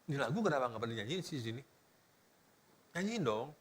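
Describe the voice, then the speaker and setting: A male pastor preaching in a casual, animated way, swinging between loud exclamations and hushed words, and talking straight to the congregation. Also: medium pitch, very fast. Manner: casual colloquial preaching that addresses the congregation directly. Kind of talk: sermon.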